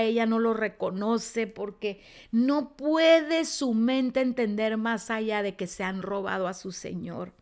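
A woman teaching a Bible story, telling it expressively and often dropping to a soft, quiet tone. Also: on the high side. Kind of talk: teaching sermon.

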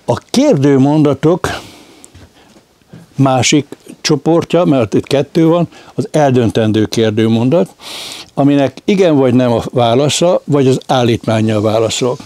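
A man's voice: medium pitch, dark tone, dry recording. A man giving a lecture on speech intonation, demonstrating example questions aloud.

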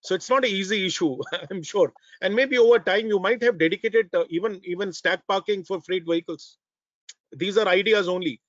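An older man with an Indian accent, answering panel questions on a video call in a hesitant, measured way as a professor. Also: sits high, fairly bright tone, no room sound. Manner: hesitant, measured, repeats words. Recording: dull, dry video-call audio.

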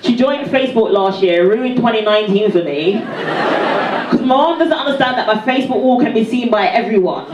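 A young stand-up comedian from Barbados with a British accent performs on a small club stage into a handheld mic, her slightly high, expressive voice moving at a moderate pace with punchy delivery as she teases the crowd. The roomy club audio sounds far and dull, with background noise and loud crowd laughter.

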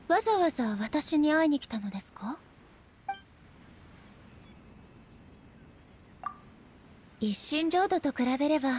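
A woman playing a regal, solemn female shogun and swordswoman in a game, speaking formally and with measured stateliness. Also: high-pitched, slight background noise. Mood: calm, gentle. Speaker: voice actor. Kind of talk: Japanese anime-style game character voice lines.

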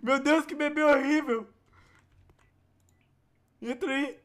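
Excitable high-voiced Brazilian young man. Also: slow. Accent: Brazilian Portuguese. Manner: excitable, shrieking laughter, playful teasing. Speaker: gaming video host. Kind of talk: playful game commentary.

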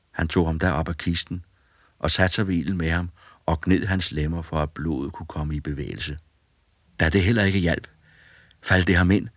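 A man narrating a fairy tale audiobook in a calm, measured storytelling manner. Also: low-pitched, no room sound, studio quality.

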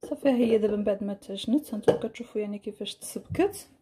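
Moroccan lady walking thru a recipe, talks quick, kinda mellow voice. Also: medium pitch, a little hiss or hum. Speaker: home cook presenting a recipe. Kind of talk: casual cooking tutorial narration.

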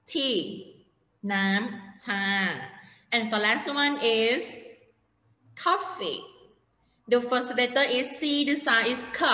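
A woman's voice: on the high side, sharp tone. A woman with a Thai accent teaching an online English lesson to primary school children, spelling words letter by letter and mixing in Thai. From Thailand. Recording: echoey room with long reverb.

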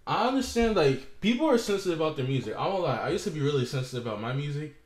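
A man's voice: a little high, big pitch swings, rapid-fire, echoey room. A young man vlogging an angry, profane rant to the camera, repeating himself as he goes.

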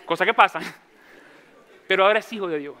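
A man's voice: sits high, fast talker, sharp tone. A man with a Venezuelan accent preaching a sermon, telling his story with humor and acting out the voices of people he quotes.

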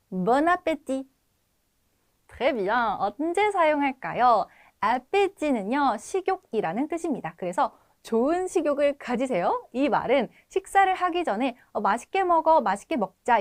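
A woman teaching an online French lesson, modelling each phrase slowly and clearly for learners to repeat. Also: fairly high pitch.

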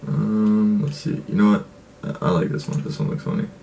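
A man's voice: lowish voice, fairly even intonation, brisk, creaky, mellow, recorded from a distance, slight background noise. A young man giving casual commentary as the host of a reaction video, recorded in a bedroom. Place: small bedroom, indoors.

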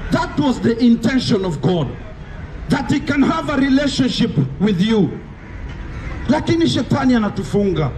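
A young Kenyan man preaches on a town street corner, his high voice carrying from a distance. He presses his message in repeated rhythmic phrases. The camera is far off, and traffic and street noise run under his voice. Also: a little mellow. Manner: preaches in a call-and-response rhythm, mixing English and Swahili. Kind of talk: open-air street sermon.

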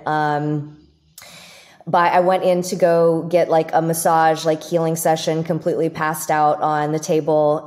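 A woman's voice: on the low side, a little mellow. A woman doctor as a podcast guest, talking reflectively in a casual conversation with frequent fillers. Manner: reflective, talks with many fillers and "like".

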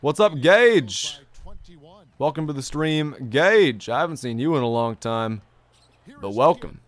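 Live-streaming basketball gameplay from a bedroom setup indoors, a young adult streamer speaks in a fairly high, expressive voice at a slightly slow pace. He's cheerful and talkative, echoing his own phrases as he goes through chat. Hours of streaming have strained his voice a bit.

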